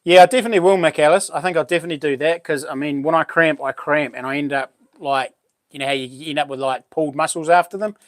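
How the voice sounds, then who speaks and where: A man's voice: fairly high pitch, steady tone, fast, no echo, studio quality. A man with a broad New Zealand accent chatting casually and informally as a livestream host, full of matey slang. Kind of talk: casual live chat with viewers.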